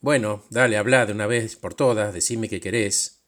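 A scornful superhero who barks insults and scolds without letup, as a man puts him on. The voice is low, and the Rioplatense accent comes through in every angry word. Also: steady tone, moderate pace, fairly bright tone, natural voice. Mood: impatient. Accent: Rioplatense Spanish. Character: harsh demanding male superhero, scornful, bullying.

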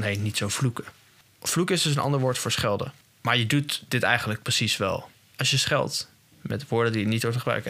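A man's voice: fairly low pitch, sharp tone. A young man hosting a podcast, talking in a casual monologue and often restarting and searching for words. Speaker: podcast host.

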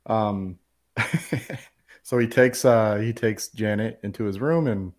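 A man with a lowish voice runs through a film's plot on a casual podcast. He talks loosely and rambles, swears constantly and slips into quoted lines from the characters. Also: takes it slowly, darkish tone. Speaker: podcast host. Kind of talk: casual movie recap podcast.

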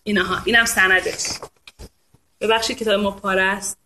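A woman's voice: mid-range voice, steady tone, pushed and bright, slight background noise. A woman hosting a casual live talk for an online audience, speaking in a chatty, playful way and now and then imitating animal sounds. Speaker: host of a live talk on reading to babies.

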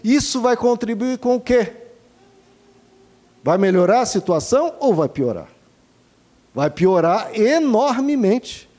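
A man's voice: very high voice, sing-song, slow, long pauses, warm tone. A man with a Brazilian Portuguese accent preaching a sermon, earnestly asking the congregation questions and stacking repeated phrases. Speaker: pastor.

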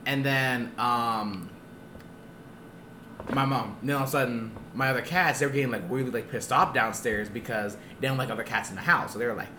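A young man casually telling a funny story on a podcast, animated and quick to act out other people's lines. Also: background noise. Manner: animated, acts out quotes in high squeaky voices. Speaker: podcast co-host.

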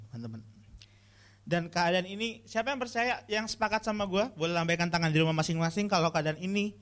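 Guy preaching to youth, slangy and chatty, fairly high voice. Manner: chatty, slangy, pleading refrains to the audience. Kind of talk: casual youth sermon to viewers at home.

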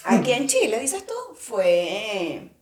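A young woman with a Venezuelan accent, chatting casually with lively slang and laughter. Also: mid-range voice, takes it slowly. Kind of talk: casual chat. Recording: roomy echo.

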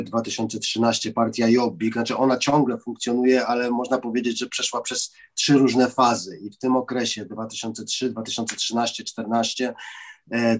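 Flat-voiced man, halting analysis. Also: fairly low pitch. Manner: halting, many fillers and restarts. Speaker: expert guest. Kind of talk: analytical discussion.

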